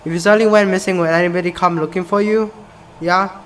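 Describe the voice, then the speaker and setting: This high-pitched, slightly bright male voice stays steady and moves fast. He's a young gaming YouTuber from Singapore giving casual commentary as he plays on camera, reading the game's questions out loud and tossing in "bro" a lot. He's recording in a small room indoors.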